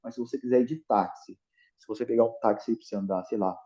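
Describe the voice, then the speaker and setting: A man's voice: medium pitch, steady tone, fast talker, mellow, dull audio. A Brazilian man with a Brazilian Portuguese accent, a guest in a casual interview, explaining at length with many restarts and fillers.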